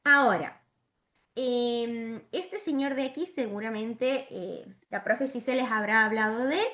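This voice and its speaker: A woman's voice: fairly high pitch, fairly bright tone. Woman teaching, checking in with "¿sí?". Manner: explanatory, checks in with frequent "¿sí?". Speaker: teacher trainer. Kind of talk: virtual lesson for teachers.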